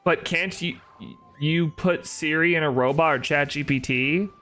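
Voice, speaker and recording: A man's voice: on the high side, unhurried, a bit bright, soft background music. A young man, chatting casually on a live stream, opinionated and answering his chat with rhetorical questions. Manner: opinionated, talks back to chat with rhetorical "right?".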